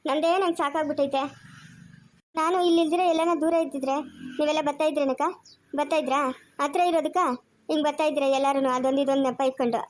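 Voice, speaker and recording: In an amateur family drama, an actress plays a bitter, defiant young mother with a rural Chikkaballapur Kannada accent. Her voice is high and steady and her words come fast as she throws out accusing questions and refuses to give way. The performance is lightly acted and her mood is one of refusal.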